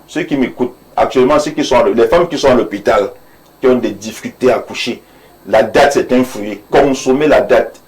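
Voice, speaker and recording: A man's voice: mid-range voice, a little fast, a little mellow, rough recording. A man, an imam speaking earnestly and preachily in a studio debate, repeating phrases for emphasis. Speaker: imam, panel guest.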